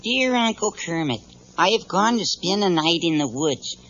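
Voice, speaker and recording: A man's voice: fairly high pitch, lively intonation, normal speed, a bit bright. A man voicing an earnest little boy frog in a children's read-along story. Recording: dull, noisy cassette tape.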